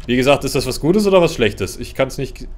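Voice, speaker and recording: A man doing let's play commentary on a horror game, chatty with his viewers and jumpy, swearing and shouting at scares, close on a studio mic. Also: medium pitch, lively intonation, fairly quick, a little hiss or hum. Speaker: let's player. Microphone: large-diaphragm studio mic, close.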